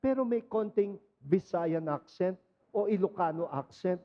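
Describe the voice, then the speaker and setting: Slow-speaking Filipino priest preaching. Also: male voice, high voice. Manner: conversational, animated storytelling with English mixed in. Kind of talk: Sunday homily. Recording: muffled lo-fi recording.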